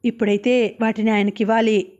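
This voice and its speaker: A woman voicing a gentle, dutiful young wife who speaks politely and pleadingly. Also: on the high side, little pitch movement, fairly quick, dull audio, natural voice.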